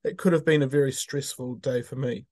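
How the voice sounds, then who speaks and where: A man's voice: medium pitch, steady tone, fairly quick, darkish tone, no echo, studio quality. A man with a New Zealand accent hosting a reflective programme and interviewing a guest. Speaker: host, school chaplain.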